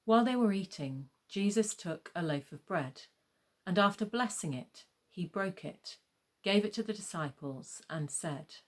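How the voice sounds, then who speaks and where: A woman's voice: lowish voice, lively intonation, a little slow. A woman narrating a gospel passage as a scripted scripture reading.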